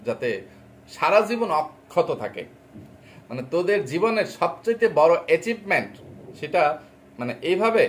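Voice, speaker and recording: A man delivering an angry, insulting rant as a reaction vlogger, scolding and mocking another vlogger. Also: mid-range voice.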